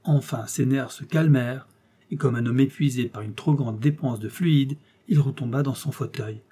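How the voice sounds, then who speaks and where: A man narrating a classic adventure novel in the first person, with expressive, measured storytelling. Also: medium pitch, husky. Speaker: audiobook narrator.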